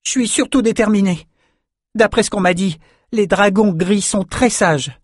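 A man's voice: high-pitched, normal speed, no echo, studio quality, pitched above the performer's own voice. A man voicing a small, stubborn girl who speaks earnestly and insistently in an audiobook. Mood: persuasive. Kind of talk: audiobook character voice.

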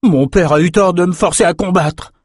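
A man's voice: high voice, lively intonation, brisk, husky, no echo, clean studio sound, pitched above the performer's own voice. A man voicing an angry, whiny young male noble held prisoner, bitter and complaining in an audiobook. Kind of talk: audiobook character reading.

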